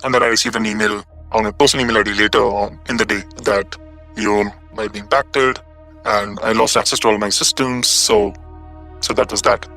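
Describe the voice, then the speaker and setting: A laid-off employee speaking in an interview clip, his voice digitally altered and pitched down to hide his identity, talking haltingly and repeating words. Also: creaky, bright, forceful tone, faint music behind. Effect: voice digitally altered and pitched down to disguise identity.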